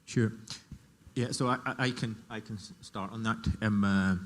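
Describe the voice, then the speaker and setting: Male conference panelist, emphatic and argumentative, lowish voice, long reverb. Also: steady tone, normal speed, a little hiss or hum. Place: large conference hall.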